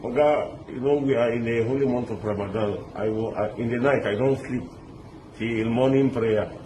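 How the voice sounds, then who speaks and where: The speaker is a middle-aged man from Lebanon recounting a kidnapping in an interview, excited and halting, with frequent restarts and pidgin words woven in. His pitch is medium. Loud street ambience and echo mark the recording, along with slight background noise.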